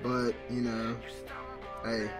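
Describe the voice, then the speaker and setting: Speaking slowly and with a totally flat delivery, this thirties-aged gaming YouTuber sounds a bit sick as he chats casually and repeats himself. His pitch is medium, faint music plays behind him, and a desktop USB mic captures him indoors at his bedroom gaming setup.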